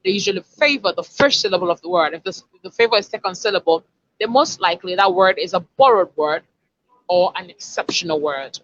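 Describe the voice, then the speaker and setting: A woman's voice: on the low side, lively intonation, fairly quick, highs cut off. A woman, a communication expert explaining and demonstrating word sounds in an online lesson over a video call. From Africa.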